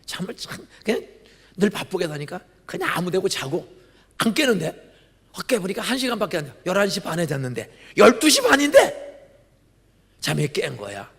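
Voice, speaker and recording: An older man, a pastor, giving a dramatic sermon full of storytelling, acted-out dialogue and sudden loud outbursts. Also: sits high, very animated, normal speed, gravelly, breathy edge. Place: large church sanctuary. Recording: church hall reverb.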